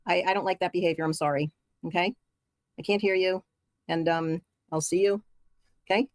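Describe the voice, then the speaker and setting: A woman's voice: lowish voice, fairly even intonation, moderate pace, no room sound. A middle-aged woman livestreamer, rambling and talking straight to her chat with many fillers as she signs off. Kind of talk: casual stream sign-off.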